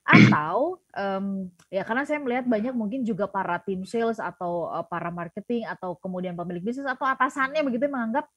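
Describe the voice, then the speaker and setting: A woman's voice: mid-range voice, brisk, husky. A woman radio host asks long, winding questions with many fillers. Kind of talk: radio interview, asking questions. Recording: dry, slightly dull studio sound.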